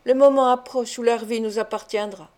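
A woman's voice: on the high side, steady tone, moderate pace, darkish tone, close to an everyday voice. A woman reading the lines of a scheming, ironic ship's mate in an audiobook. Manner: cold, mocking replies.

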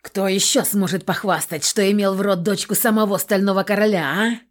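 A woman's voice: medium pitch, fairly even intonation, fairly quick, natural voice. A woman reading aloud voices a crude, swaggering male kidnapper who talks in a leering, vulgar way. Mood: mocking.

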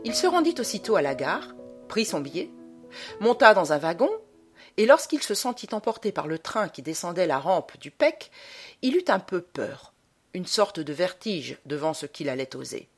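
A woman narrates a short story for an audiobook. Her voice sits low but rises and falls expressively, measured in its delivery. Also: big pitch swings, soft background music. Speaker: reader.

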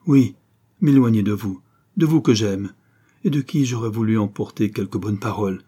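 A man's voice: lowish voice, moderate pace, dark tone, slightly rough. A man voicing a fervent young nobleman declaring his love and vowing to set out, declaiming with a raised voice.

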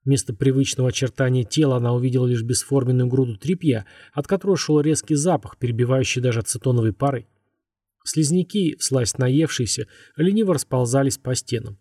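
A man narrating a scripted horror audiobook in a measured, even way. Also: medium pitch, husky, no echo, studio quality.

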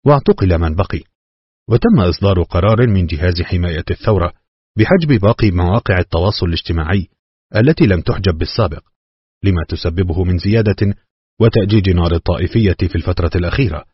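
A man narrates a novel in a steady, solemn manner. His voice is deep and husky. The recording is dry and sounds dull and lo-fi. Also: quick pace, no room sound. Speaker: audiobook reader.

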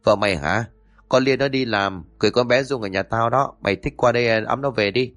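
A man voicing a blunt, nosy older village woman who talks in rapid, coarse, familiar chatter. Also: mid-range voice, fairly bright tone, soft background music, close to an everyday voice. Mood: gossiping.

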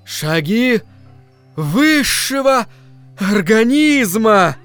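A man voicing a mysterious, supernatural voice that calls out slowly over a crowd, drawing out each word and sinking toward a whisper. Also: high-pitched, sing-song, a bit bright, soft background music, pitched above the performer's own voice, full character voice. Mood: solemn, rapturous. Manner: slow, drawn-out, swelling then sinking to a whisper. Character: mysterious booming supernatural voice from above. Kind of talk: audiobook character voice.

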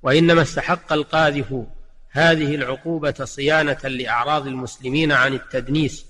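A man delivering a scripted religious lesson in formal Standard Arabic, with a measured, classical delivery. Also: fairly high pitch, bright, forceful tone. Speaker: religious teacher giving a recorded lesson. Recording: long hall-like reverb.

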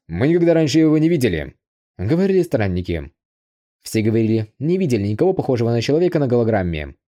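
A man narrating an audiobook in an expressive, dramatic reading style. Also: lowish voice.

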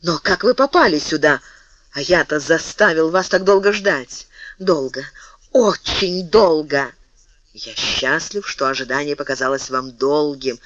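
A man's voice: a little high, measured pace, a bit bright, no room sound, voice pushed down. A man voicing a lovesick nobleman who pleads fervently with the woman he loves. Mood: pleading. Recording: dull lo-fi dry recording.

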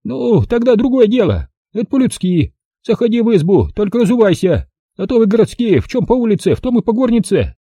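A man playing a shrill, bossy old village granny. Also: sing-song, brisk, mellow, breathy edge, no echo, heavily acted. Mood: scornful. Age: older. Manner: scolding, rustic, brusque. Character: feisty old village woman, sharp-tongued, bossy.

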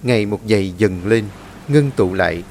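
Male horror-story narrator, lively pitch, faint rain behind. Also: moderate pace, slight background noise. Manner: dramatic, expressive reading.

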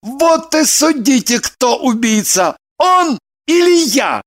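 A man's voice: extremely high pitch, sing-song, slow pace, a bit bright, exaggerated voice. A man voicing a troubled young male killer who bitterly confesses, in an audiobook reading.

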